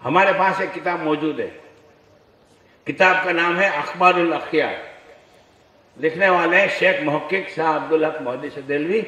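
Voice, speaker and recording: A man's voice: on the high side, normal speed, long pauses, pushed and bright. A man giving a fiery, combative sermon, firing rhetorical questions at the crowd and building to impassioned declaiming. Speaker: Islamic preacher. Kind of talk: polemical sermon. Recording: echoey hall with long reverb.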